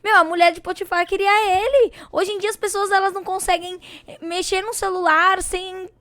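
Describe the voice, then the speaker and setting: High-voiced young Brazilian woman. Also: brisk, dry recording. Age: 20s. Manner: animated, preachy storytelling with dramatic emphasis. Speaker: podcast guest, singer and missionary. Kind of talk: casual podcast chat.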